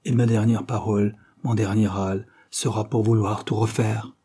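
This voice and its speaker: Man doing a driven novelist full of doubt, feverish and declaiming, very dark tone. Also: lowish voice, little pitch movement, normal speed, slightly rough. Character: tormented male novelist, driven and self-doubting.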